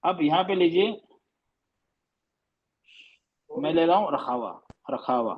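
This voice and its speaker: A male teacher giving an online class on recitation rules, explaining patiently and drawing out example sounds slowly and repeatedly. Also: fairly high pitch, animated, slightly rough, lo-fi sound. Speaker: tajweed teacher.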